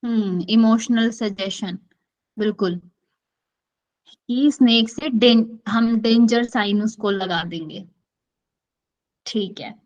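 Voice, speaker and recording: A woman's voice: a little high, slow, long pauses, a little mellow, muffled recording. A woman teaching an online class, calling on students by name and mixing Hindi with English words. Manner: quizzes students by name, switches often between Hindi and English.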